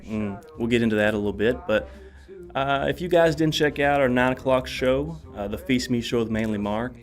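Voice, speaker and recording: A man hosting a casual talk show alone, energetic and rambling with many fillers, out of breath and coughing. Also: medium pitch, normal speed.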